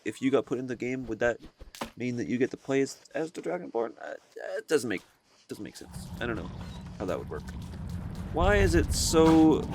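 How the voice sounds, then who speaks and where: A man's voice: medium pitch, noisy background. A man hosting a casual let's-play, thinking aloud as he plays and often rambling and correcting himself. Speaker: gaming video host.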